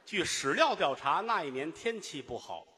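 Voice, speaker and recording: A man, the lead comedian in a crosstalk routine, telling a teasing mock-flattering story. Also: on the high side, moderate pace, big-room sound.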